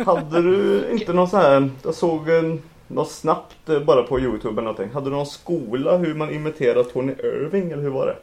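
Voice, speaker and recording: A man's voice: on the high side, vocal fry, few pauses, a little mellow. A man co-hosting a casual podcast, asking teasing, conversational questions. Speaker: podcast co-host.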